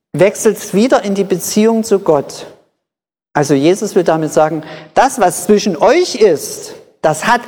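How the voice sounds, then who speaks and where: A preacher delivers a sermon in short, measured phrases and circles back to drive each point home. The voice sits at an ordinary middle pitch. A long reverb tail hangs behind every phrase, as in a church hall. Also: darkish tone. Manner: explains in short phrases, repeats key points for emphasis.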